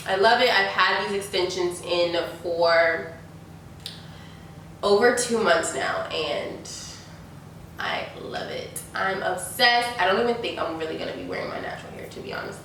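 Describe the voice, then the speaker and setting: A fairly low, fairly bright female voice belongs to a beauty YouTuber in her twenties, stuffed up by a sinus infection. She rambles casually through a Q&A with plenty of likes and ums, and the distant mic picks up room echo and faint noise.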